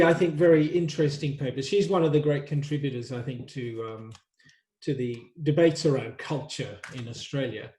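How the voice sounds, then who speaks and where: A man's voice: fairly high pitch, a little mellow, roomy sound. A man lecturing a university workshop, thinking aloud with many fillers and restarts.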